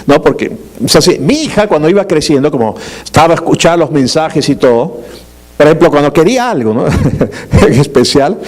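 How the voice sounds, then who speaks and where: A man's voice: a little high, lively intonation, a little fast, a little mellow. A middle-aged male pastor delivering a sermon in a conversational way, with humorous asides and frequent rhetorical questions.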